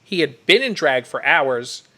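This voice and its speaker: A man's voice: on the high side, big pitch swings, measured pace, bright, forceful tone. Campy guy telling a story, voice bouncing all over. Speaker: podcast host. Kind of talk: casual storytelling.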